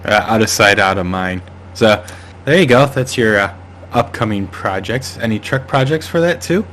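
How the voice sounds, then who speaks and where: A man's voice: on the low side, lively intonation, normal speed, a bit bright, slight background noise. A man hosting a casual podcast and chatting with a friend, joking and laughing easily. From northern United States. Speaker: podcast host.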